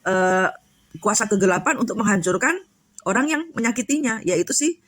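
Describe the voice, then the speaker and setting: Speaking at a normal speed, this woman has a medium-pitched, expressive, fairly bright voice, recorded without room sound. She's a tarot reader and spiritual coach chatting casually about spiritual matters, full of fillers and restarts.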